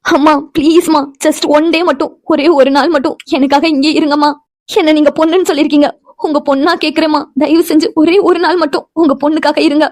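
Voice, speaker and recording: A woman's voice: sits high, steady tone, a little fast, a little mellow, no room sound, close to an everyday voice. A woman voicing an earnest young woman in a cartoon who begs and pleads. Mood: pleading. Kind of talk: cartoon voice acting.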